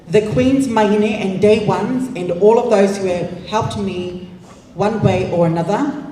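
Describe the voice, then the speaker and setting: A woman giving a formal, measured thank-you speech as a reigning pageant titleholder. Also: medium pitch, dark tone, slight background noise. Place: large event hall on stage. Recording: echoey hall PA from far off.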